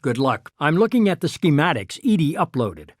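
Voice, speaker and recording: An actor playing a calculating middle-aged male leader of a shadowy human-supremacist organization in a video game, speaking in a husky, measured, authoritative and persuasive way. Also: a little high, big pitch swings, no echo, studio quality. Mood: resolute. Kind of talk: cinematic video game dialogue.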